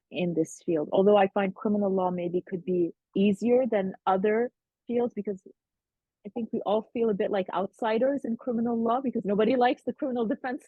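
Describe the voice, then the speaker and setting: A woman's voice: mid-range voice, slightly rough, no echo. A woman interviewing a guest in casual conversation, talking in a chatty way with lots of fillers and restarts over a video call. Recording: tinny phone-like line, dry.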